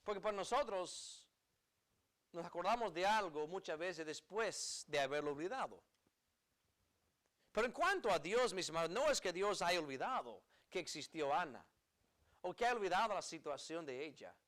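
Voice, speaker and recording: A man's voice: high-pitched, lively intonation, normal speed, a bit bright. A man preaching a sermon in earnest, emphatic phrases, repeating key words, with an American accent as a native English speaker. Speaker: pastor.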